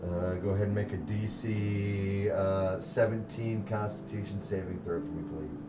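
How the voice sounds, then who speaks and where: A man's voice: fairly low pitch, fairly even intonation, normal speed, warm tone, muffled recording. A man narrating a tabletop game as game master, giving vivid, rambling descriptions. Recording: roomy, distant mic with music.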